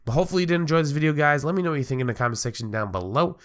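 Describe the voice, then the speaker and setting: Nasal and under the weather with a cold, a man rambles through casual gaming commentary at a very fast clip, dropping small asides as he goes. His voice runs a little high with lively intonation.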